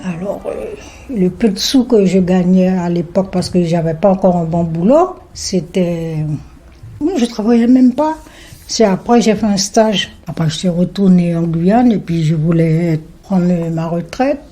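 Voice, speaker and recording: A woman, telling her life story in a lively way and acting out what people said. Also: fairly low pitch, a little slow. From French Guiana. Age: 70s. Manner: lively storyteller who acts out remembered dialogue. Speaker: interviewee.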